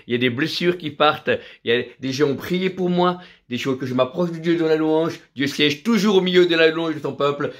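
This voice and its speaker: A middle-aged man from Vietnam delivers a fervent sermon, building on repeated phrases and punctuating them with alleluias. His voice sits at an ordinary middle pitch. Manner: fervent, repetitive preaching with frequent alleluias. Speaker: preacher.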